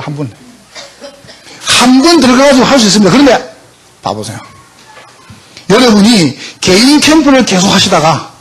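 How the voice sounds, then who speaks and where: A man's voice: very high-pitched, husky. A male pastor preaching a sermon emphatically, often asking the congregation questions.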